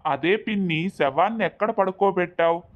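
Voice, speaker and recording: Woman narrator puts on a slightly lowered voice for an earnest village nephew in a storybook. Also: normal speed, highs cut off, lightly acted. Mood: concerned. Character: concerned village man, adult nephew.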